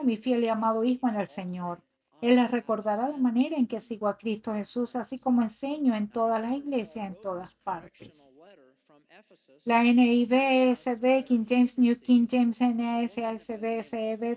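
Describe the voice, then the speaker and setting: A woman's voice: fairly high pitch, dark tone. A woman giving an earnest voice-over translation of a sermon, reading scripture passages aloud. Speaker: sermon interpreter.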